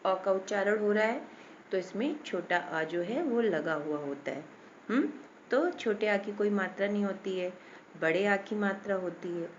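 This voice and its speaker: Woman teacher going slow for little kids, drawing out syllables, kinda dull lo-fi audio. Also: mid-range voice, a little hiss or hum. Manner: slow, patient, drawn-out syllables, frequent "है ना?". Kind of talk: children's Hindi grammar lesson.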